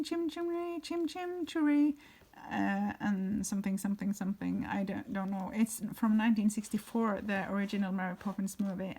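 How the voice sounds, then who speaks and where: A woman's voice: medium pitch, a little mellow. Chatty woman flipping through her journal. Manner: chatty and rambling, with many fillers and restarts. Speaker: bullet journal vlogger. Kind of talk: casual flip-through narration.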